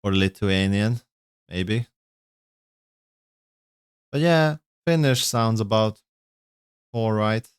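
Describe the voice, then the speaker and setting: A man's voice: fairly low pitch, lively intonation, takes it slowly, long pauses, clean tone, dry recording, studio quality. A man chatting casually on a livestream, reacting to game lore, rambling and correcting himself, and swearing now and then.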